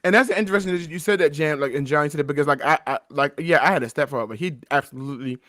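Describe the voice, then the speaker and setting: A man's voice: on the high side, very fast, a bit bright, no room sound, clean studio sound. A man in casual podcast discussion, inquisitive, stumbling a little as he works out his questions.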